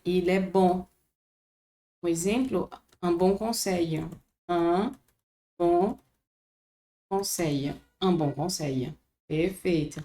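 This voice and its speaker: A woman with a Brazilian Portuguese accent teaching a vocabulary lesson, slowly repeating each word for her students. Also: on the low side. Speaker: French teacher. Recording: echoey room.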